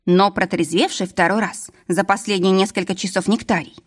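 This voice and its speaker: A woman's voice: medium pitch, steady tone, moderate pace. Woman narrating an audiobook. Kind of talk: scripted narration.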